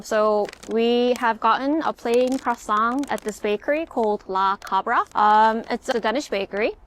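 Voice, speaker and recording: A woman food vlogger chatting casually as she tastes pastries on city streets, with many fillers and pauses. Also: medium pitch, a little hiss or hum. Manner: chatty, savoring, filler-heavy. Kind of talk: casual food vlog commentary. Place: outdoors on city streets and in bakeries.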